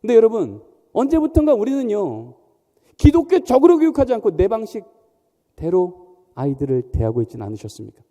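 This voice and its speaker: A man's voice: high voice, huge pitch swings, a little fast, mellow. A man preaching a sermon in a church, emphatic and often questioning the congregation. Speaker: pastor. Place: large church hall. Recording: long church hall reverb.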